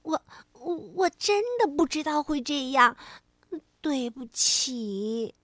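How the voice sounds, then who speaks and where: A woman's voice: high-pitched, animated, slow pace, fairly bright tone, no room sound, heavily acted. A woman voicing a cheeky little frog in a children's story, stammering and giggly. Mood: sorry.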